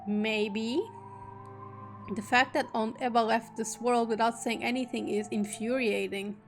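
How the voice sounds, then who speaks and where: Female streamer, slightly high voice, reads game text aloud and drops quick jokey asides. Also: little pitch movement, gravelly, faint music behind. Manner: reads narration steadily, breaks off into joking asides. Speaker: streamer reading a visual novel aloud. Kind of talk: reading aloud with casual asides.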